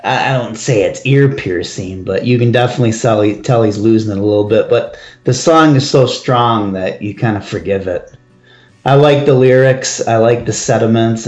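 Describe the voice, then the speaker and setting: A man with a lowish voice talks through an album track by track in an easy, enthusiastic way. His voice rings a little in an echoey room. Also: moderate pace, darkish tone, faint music behind. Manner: enthusiastic, leads the track order and asks his partner's view. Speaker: podcast co-host reviewing an album. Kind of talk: casual chat.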